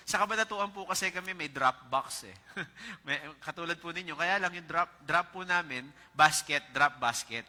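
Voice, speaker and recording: A Filipino pastor delivers a conversational sermon, mixing in English and chuckling through his stories. His slightly high voice sounds pushed and bright, echoing with church hall reverb in the sanctuary.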